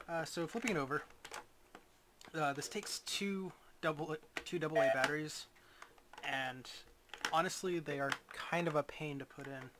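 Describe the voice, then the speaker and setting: A man giving a casual, unscripted product review as a reviewer, in a hesitant, rambling way with frequent pauses. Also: fairly high pitch, background noise. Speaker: reviewer of gadgets.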